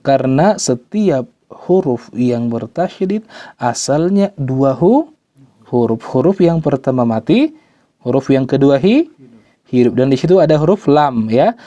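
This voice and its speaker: A man's voice: mid-range voice, big pitch swings, measured pace, mellow, dry recording, lo-fi sound. A man teaching Quran recitation rules, speaking patiently, repeating words and drawing out the example words he recites. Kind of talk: tajwid lesson.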